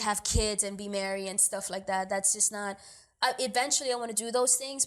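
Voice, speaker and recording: A young woman, from the Dominican Republic and raised in New York, talks as a guest in a relaxed interview. Her delivery is lively and playful, full of jokes and laughter, at a middling pitch. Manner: lively, joking, laughs often. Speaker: guest, actor and producer. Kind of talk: casual interview chat.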